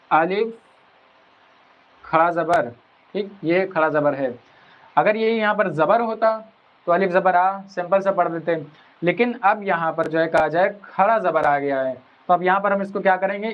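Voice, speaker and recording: A man teaching a Quran reading lesson, explaining patiently and drawing out each sound slowly as he spells it. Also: sits high. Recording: dull lo-fi recording.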